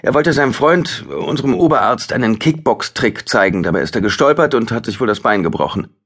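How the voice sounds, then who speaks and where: A man voicing a seemingly friendly male hospital doctor in an audiobook, brisk and casual. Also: mid-range voice, animated, fairly bright tone, husky, voice pushed up. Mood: reassuring. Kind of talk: audiobook dialogue reading.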